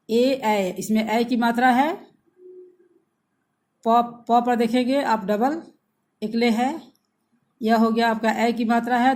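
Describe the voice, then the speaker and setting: Slow, high-voiced woman teacher. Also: a little mellow. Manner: slow, spells words out letter by letter; addresses pupils as children. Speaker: school teacher. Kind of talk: recorded grammar lesson for pupils.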